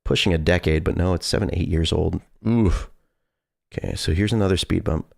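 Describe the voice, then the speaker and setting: A man's voice: low voice, fairly quick, gravelly, darkish tone, no echo, clean studio sound. A man in his twenties live-streaming a horror game with casual, nervous, scared commentary and some swearing. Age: 20s.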